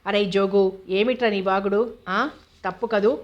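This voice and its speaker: A woman reading the lines of a sly, scheming village rival, a man who talks in a smooth, wheedling way. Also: medium pitch, steady tone, measured pace, muffled recording, lightly acted.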